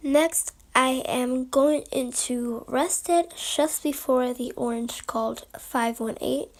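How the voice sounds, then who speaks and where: A young woman with a high voice, a little gravelly fry, and slight hoarseness from a recent cold narrates a makeup tutorial as a beauty vlogger. She's chatty and upbeat with quick asides, walking through her steps straight to a close camera in a small room at home.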